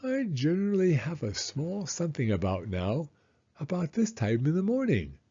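A man voicing a humble, dreamy teddy bear in a children's storybook, slow, earnest and plaintive. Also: on the high side, wildly swooping pitch, mellow, breathy edge, dull audio, pitched above the performer's own voice, exaggerated voice. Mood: dreamy, wistful. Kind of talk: children's storybook character reading.

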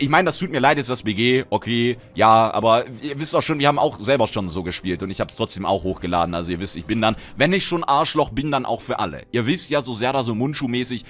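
Animated gamer, slangy outbursts. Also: male voice, medium pitch. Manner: excited slangy banter, quick outbursts. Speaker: gaming channel host. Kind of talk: Let's Play commentary.

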